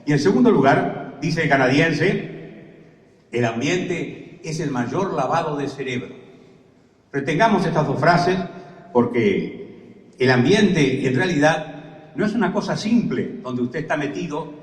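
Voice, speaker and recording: Older Argentine lecturer, slightly high voice, dry storytelling humor, recorded from afar in an echoey hall. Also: male voice, lively intonation, unhurried, pauses often. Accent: Argentine Spanish. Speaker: professor giving a master class. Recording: echoey hall, distant mic.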